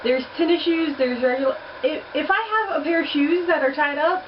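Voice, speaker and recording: Speaking fairly quickly in a high-pitched voice, a young vlogger chats bluntly through a casual accent challenge, throwing in the odd swear word. Heater noise runs under this distant, muffled home recording.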